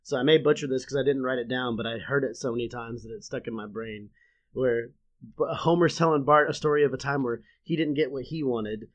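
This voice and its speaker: A man's voice: mid-range voice, fairly quick, muffled recording. A man co-hosting a podcast, casually reviewing a cartoon episode, laughing often and quoting lines from memory. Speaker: podcast co-host.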